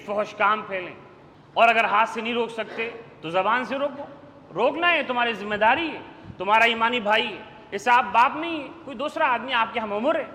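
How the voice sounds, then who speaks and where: Man preaching a sermon, high bright voice, forceful, long reverb like a big hall. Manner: forceful exhortation with Arabic verse recitation. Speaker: maulana preacher. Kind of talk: Urdu sermon. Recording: hall reverb with faint background noise.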